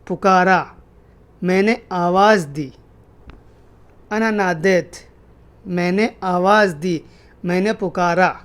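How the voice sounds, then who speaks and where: Brief: high-pitched male teacher, patient, repeats every phrase and then explains it. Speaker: Arabic language teacher. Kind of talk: spoken language lesson.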